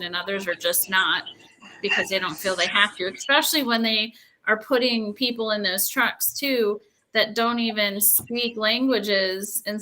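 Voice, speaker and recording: A woman's voice: medium pitch, bright, forceful tone, poor audio. A woman hosting a podcast, talking casually with her panel. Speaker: podcast host.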